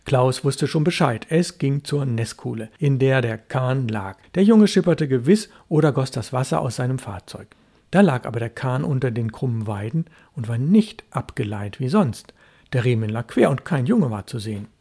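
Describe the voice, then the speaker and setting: Gravelly, husky male storyteller. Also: medium pitch, animated, moderate pace, warm tone. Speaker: reader of a literature podcast. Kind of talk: audiobook narration of a classic story.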